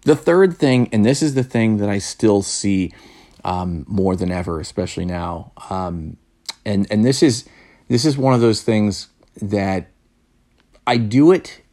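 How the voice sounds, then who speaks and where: A man's voice: on the low side, unhurried, dark tone. A man who works as a wedding photographer, talking casually and bluntly, with lots of restarts and repeated words. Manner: blunt and a bit worked up. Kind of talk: casual advice talk.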